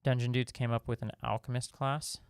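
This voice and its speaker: A man's voice: medium pitch, level tone, a little fast, clear, resonant tone, no echo, clean studio sound. A man hosting a casual live-stream Q&A, reading viewer questions and rambling through his answers with lots of fillers and restarts.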